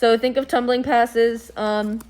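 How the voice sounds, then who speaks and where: A woman's voice: on the high side, steady tone, a little slow, a little mellow, a little hiss or hum. A young woman casually planning a skit, rambling with lots of fillers and frequent swearing.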